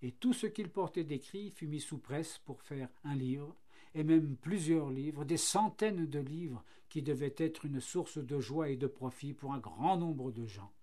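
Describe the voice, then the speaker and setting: A man narrating a fairy tale in a measured, expressive reading voice. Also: fairly high pitch. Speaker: storyteller.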